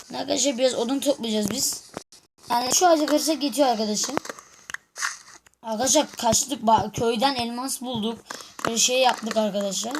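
Woman, fairly high voice, casual game commentary, halting restarts, muffled, phone mic, steady hiss behind. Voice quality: somewhat muffled voice. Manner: addresses viewers constantly, halting with restarts. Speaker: gaming video creator. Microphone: phone recording.

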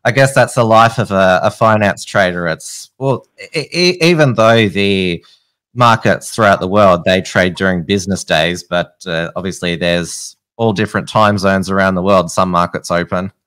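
A man's voice: low voice, moderate pace, fairly bright tone, clear, resonant tone, no echo. An Australian man in his thirties hosting an interview, with many fillers and restarts. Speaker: host. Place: home studio. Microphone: studio mic on a boom arm.

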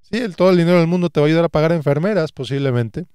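A man's voice: fairly high pitch, rapid-fire, a little mellow, clean tone, no echo, studio quality. A man in his thirties hosting a solo finance podcast, earnest and stacking repeated phrases. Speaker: podcast host and financial advisor.

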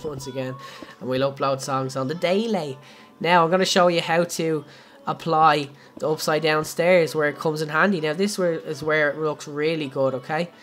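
A man's voice: on the high side, a bit bright. A young Irish man casually walking viewers through a building tutorial on a game live stream, chatty, laughing often and speaking straight to his audience. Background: faint background music.

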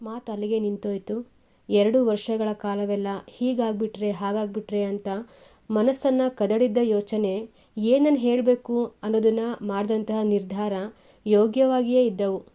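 A woman reading a novel aloud in measured, expressive storytelling. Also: medium pitch. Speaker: reader of a novel.

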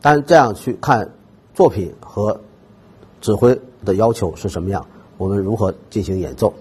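A man's voice: on the low side, moderate pace, mellow, breathy edge. A man giving a trumpet lesson, explaining technique patiently and stressing the key points. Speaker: trumpet teacher. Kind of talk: instructional music lesson narration.

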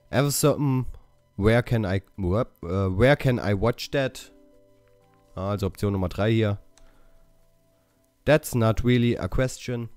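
A man giving a casual game walkthrough, haltingly reading out English dialogue options and correcting himself as he goes. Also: fairly low pitch, darkish tone, dry recording. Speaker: gaming channel host.

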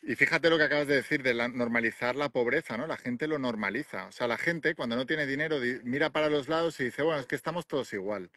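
A man's voice: mid-range voice, fast talker, hardly any pauses, pushed and bright, no echo, clean studio sound. A man, hosting and talking assertively on a phone call outdoors. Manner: assertive, coaching. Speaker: host. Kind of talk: video call interview. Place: outdoors by the sea. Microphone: phone at arm's length.

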